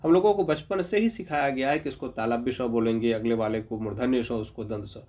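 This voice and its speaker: A man's voice: medium pitch, mellow. A man teaching a grammar lesson, patiently sounding out letters and checking in with his students. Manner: patient, repeats sounds slowly, checks in with "ठीक है"; addresses viewers as "Babu". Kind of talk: explanatory lesson.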